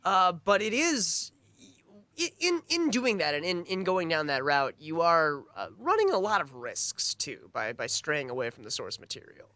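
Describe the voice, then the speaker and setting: Podcast guy, bouncy pitch, bright voice, laughs a lot, dry sound. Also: moderate pace, no room sound. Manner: animated, laughs often, restarts sentences. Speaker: podcast co-host. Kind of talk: casual chat.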